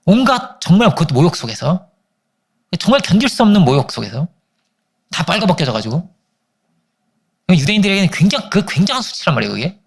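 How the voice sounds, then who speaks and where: A man preaching a Sunday sermon as pastor, telling stories with animated voices for the people in them. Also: creaky, breathy edge. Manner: animated storytelling, acting out family quarrels in high voices.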